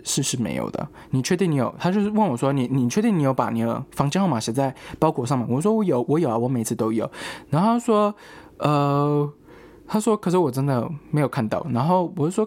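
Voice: medium pitch, a little mellow. A young adult student, telling a story in a casual rant, swearing now and then and slipping English words into the talk.

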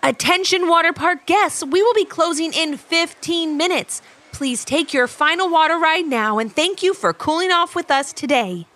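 A woman reading a children's story puts on the voice of a water park announcer making a formal loudspeaker announcement. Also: extremely high pitch, expressive, normal speed, hardly any pauses, voice pushed up. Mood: announcing. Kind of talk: storybook read-aloud.

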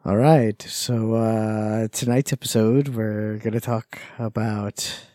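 A man putting on a low, slow, breathy bedroom voice as a joke on a podcast. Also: fairly even intonation, warm tone, no echo, studio quality. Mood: sultry.

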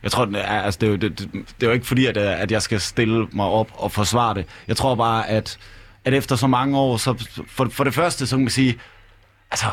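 Stammende mand i fodboldsnak. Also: male voice, lowish voice, steady tone. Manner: stammering, repeats words. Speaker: football podcast panelist. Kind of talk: casual chat.

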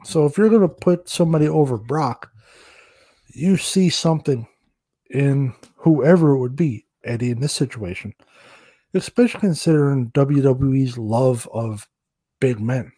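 A man co-hosting a podcast, chatting casually with self-deprecating jokes and halting restarts. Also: mid-range voice, dark tone, husky, no echo. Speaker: podcast co-host, referee.

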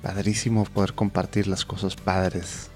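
A man's voice: deep voice, level tone, measured pace, faint music behind. A man giving an upbeat, colloquial podcast introduction. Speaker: podcast host.

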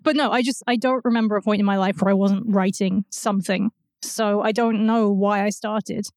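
A woman's voice: medium pitch, fairly even intonation, normal speed, a little mellow, dry recording, studio quality. A woman in her thirties chatting informally as a podcast guest, self-deprecating and happy to swear. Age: 30s. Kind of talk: casual chat.

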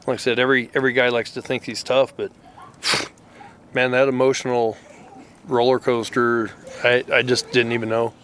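A middle-aged man, father of a Marine, telling an emotional story in a blunt, halting way and cursing freely. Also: mid-range voice, little pitch movement, fairly bright tone, a little hiss or hum.

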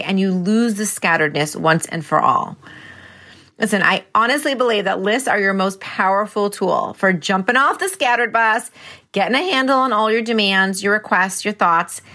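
Bright-voiced, chatty woman coach. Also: mid-range voice. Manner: chatty and playful, keeps asking "right?". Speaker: productivity coach. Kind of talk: casual teaching monologue.

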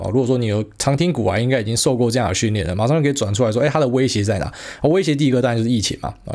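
A man's voice: medium pitch, a little mellow. A man with a Taiwanese Mandarin accent hosting a podcast, giving casual solo commentary that is blunt and slangy, with frequent fillers and mild swearing. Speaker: podcast host.

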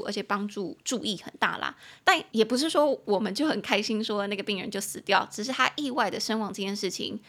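A young adult woman hosting a podcast English lesson, chatting and slowly spelling out words as she explains them. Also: mid-range voice, bright, forceful tone. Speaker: English teacher and podcast host.

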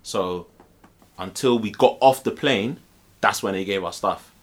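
A man's voice: lowish voice, unhurried. A man with an urban London roadman accent, casually recounting an experience in slangy, conversational speech. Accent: London, urban street style (roadman).

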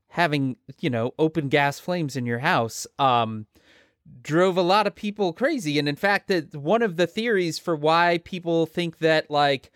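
A man co-hosting a podcast in casual chat, animated and exclamatory. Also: fairly high pitch, no room sound, clean studio sound. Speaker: podcast co-host.

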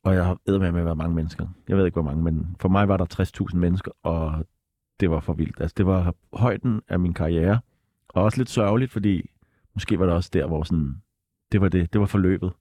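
A middle-aged man chatting casually as a guest musician, relaxed and hesitant, laughing easily. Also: sits low, no room sound. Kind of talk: casual chat.

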